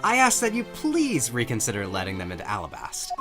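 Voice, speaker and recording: Formal, stiff prosecutor, a man reading it, lively swings over game music. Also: mid-range voice, brisk.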